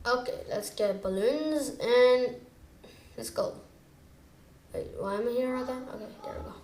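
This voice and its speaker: A woman with a fairly high voice talks through her gameplay at an unhurried pace. She chats casually, switching between low mutters and sudden excited outbursts. The voice sits in a roomy, echoey space. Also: a little hiss or hum. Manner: chatty, excitable, wavers between muttering and exclaiming. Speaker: gamer. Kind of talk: gameplay commentary.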